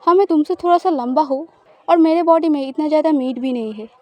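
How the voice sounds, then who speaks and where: Talking fast in a voice close to her everyday one, a woman plays a possessive, smug young spouse who teases and coaxes with a smile. Her voice is high yet soft and mellow, and the recording is dry.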